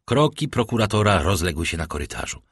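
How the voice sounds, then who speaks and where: A man narrating a novel as an audiobook with expressive storytelling delivery. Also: low-pitched, fairly quick, husky, no room sound, studio quality.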